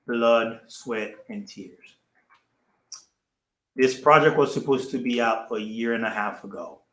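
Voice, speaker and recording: A Haitian man who leads a ministry hosts a livestream, addressing viewers in a casual, earnest way and thanking them over and over. His medium-pitched voice sounds pushed and bright, with roomy echo in the recording.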